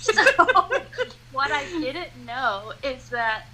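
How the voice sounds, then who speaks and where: A woman appearing as a podcast guest, telling a story with lively energy and laughing often as she goes. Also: high voice, extremely slow, background noise. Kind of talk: animated storytelling.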